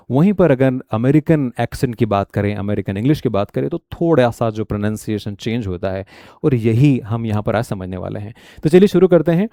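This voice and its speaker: A man with an Indian accent teaching an English pronunciation lesson, mixing Hindi and English and speaking slowly and deliberately. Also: mid-range voice, dark tone, dry recording, studio quality. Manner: slow, deliberate explanations, repeating example words.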